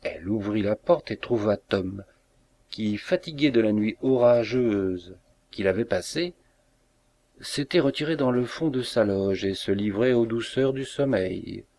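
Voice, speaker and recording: Low male audiobook narrator, measured and expressive. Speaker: audiobook reader. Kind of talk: scripted narration.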